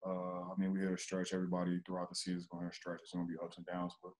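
A young man with a very low, flat voice speaks in an even, low-key way. He answers postgame questions over a video call from in front of a press backdrop. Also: racing, low-quality recording. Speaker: basketball player at postgame press conference.

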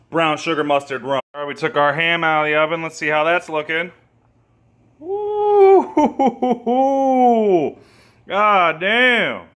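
Hungover and in his twenties, this young man records a jokey cooking clip in his own kitchen with the phone stretched out at arm's length. He swears freely and delivers crude deadpan humor in a voice that sits on the high side.

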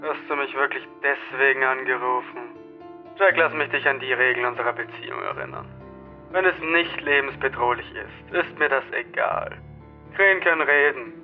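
A man's voice: mid-range voice, normal speed. Man as a curt, irritated deputy, tinny phone line, faint music underneath. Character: grumpy male deputy woken at night.

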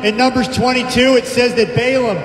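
Man, street preacher, very high voice, emphatic scripture preaching, amplified loudspeaker echo, outdoor park. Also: fairly even intonation, a little fast, slight background noise. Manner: emphatic, declaiming scripture with frequent praise interjections. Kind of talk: open-air street sermon. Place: outdoor park by palm trees. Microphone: handheld microphone through a loudspeaker, far camera. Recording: echoey amplified sound outdoors with hall-like reverb.

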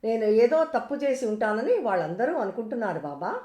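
A heartbroken young wife pleads through her sorrow, as a woman narrator reads her part. The voice is fairly high, with a roomy echo around it. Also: very animated, fairly quick, dark tone. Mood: pleading. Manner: tearful, pleading.

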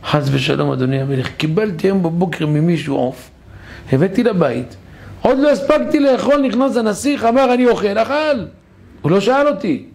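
A man voicing a poor, pious beggar who pleads in a raised, gravelly voice. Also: high voice, animated, darkish tone, voice pushed up. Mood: pleading.

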